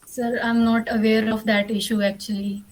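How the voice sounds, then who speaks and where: A woman's voice: a little high, little pitch movement, normal speed, poor audio. A young woman with a North Indian accent answers as an interview candidate, formal and deferential. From Karnal, Haryana, India. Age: young adult.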